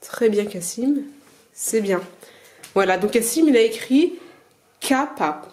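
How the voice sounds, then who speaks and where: A woman's voice: fairly high pitch, expressive, takes it slowly, darkish tone. A mother teaching her children at home and explaining the method to the camera in a hesitant, casual way full of filler sounds. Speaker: homeschooling mother.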